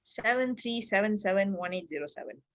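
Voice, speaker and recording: A woman's voice: mid-range voice, animated, a little fast, dry recording. A woman hosting an online workshop over a video call, chatty and laughing often. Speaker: workshop facilitator.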